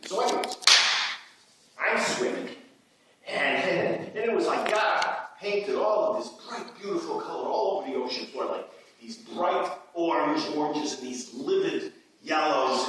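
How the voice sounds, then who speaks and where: A man acting an excitable man telling a rambling story in a stage play rehearsal, recorded from afar in an echoey room. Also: a little high, close to an everyday voice. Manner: animated, jumpy, emphatic storytelling. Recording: echoey room from far off, background noise.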